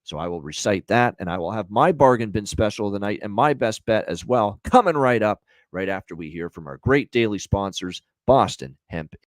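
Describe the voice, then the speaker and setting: A man hosts a sports betting show, speaking off the cuff and repeating phrases for emphasis as he comments and promotes. His voice is fairly low, with lively intonation and a moderate pace. He hardly pauses, and there's no room sound.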